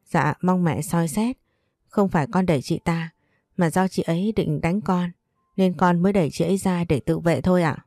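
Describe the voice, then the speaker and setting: A young pregnant wife stands her ground, as a woman narrator puts her on. She stays respectful and steady, and the voice is low and warm. The recording is dry and close. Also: moderate pace, no room sound, soft background music. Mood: firm. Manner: calm, firm, respectful. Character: pregnant young second wife, firm but polite.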